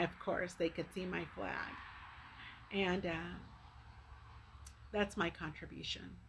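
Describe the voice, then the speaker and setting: A woman giving an earnest personal video message to supporters, speaking haltingly in short phrases as a charity fundraiser. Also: mid-range voice, poor audio. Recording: clear background noise.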